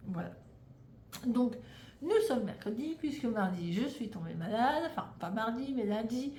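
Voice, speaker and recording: A woman's voice: on the high side, expressive, normal speed, mellow. French woman, thirties, rambling casual chat, lots of fillers, faint noise in an echoey room. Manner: rambling, stumbling, frequent fillers and restarts. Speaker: knitting vlogger.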